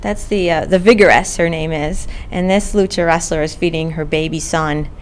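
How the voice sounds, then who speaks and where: A woman's voice: deep voice, steady tone, normal speed, slight background noise. A woman chatting casually and enthusiastically, as in an informal interview. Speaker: publications coordinator and copy editor, wrestling fan. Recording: music playing behind the voice. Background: music.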